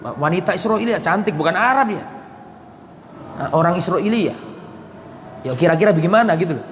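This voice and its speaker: A man giving a religious study lecture, telling stories with lively acted-out quotes and questions to the audience. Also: sits high, a little fast, slight background noise. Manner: lively storytelling, asks the audience questions, acts out quoted lines. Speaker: preacher. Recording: echoey hall, faint ambience.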